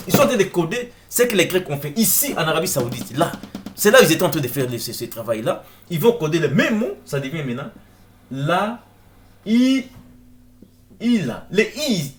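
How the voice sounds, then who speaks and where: Speaking at normal speed in a fairly high, very animated voice, a man presents an informal online video lecture over on-screen text. He addresses viewers with direct questions and frequently repeats words while looking for them. There's slight background noise.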